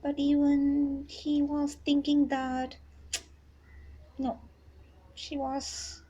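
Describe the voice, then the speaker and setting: High-pitched South Indian woman teaching. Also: completely flat delivery, very slow, warm tone, lo-fi sound. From Chennai, South India. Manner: instructive, checks in with short tag questions. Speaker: English teacher. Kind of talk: explanatory lesson, reading a text aloud and paraphrasing it. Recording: noticeable background noise.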